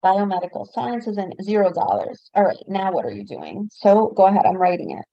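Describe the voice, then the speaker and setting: Gravelly-voiced woman hosting a webinar. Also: medium pitch, sing-song, brisk, dry recording, lo-fi sound. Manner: probing, recaps figures for the audience. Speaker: webinar host. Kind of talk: moderating a webinar interview.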